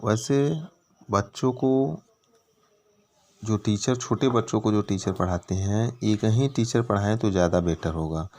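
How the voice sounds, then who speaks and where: A man's voice: on the low side, measured pace, a little mellow. A man teaching young children in in a patient, explanatory way, stretching out each syllable as he demonstrates it. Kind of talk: children's lesson on Hindi vowel signs.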